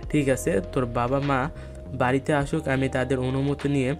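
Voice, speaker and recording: A man's voice: mid-range voice, flat delivery, normal speed, faint music behind, natural voice. A man voicing a loving young father and partner in an audio love story, tender and a little teasing.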